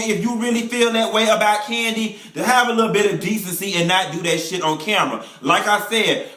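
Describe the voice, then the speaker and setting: A man's voice: sits high, bright, forceful tone, roomy sound. A man giving a sassy, brash, profane reality TV recap, calling the viewer honey and child. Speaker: reality TV reviewer.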